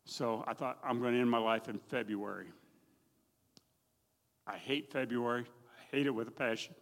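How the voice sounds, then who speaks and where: In a church hall, a middle-aged man gives a plain-spoken, folksy personal testimony, telling his story with a self-deprecating edge. His mid-range voice is creaky, at normal speed, and the hall adds a long reverb.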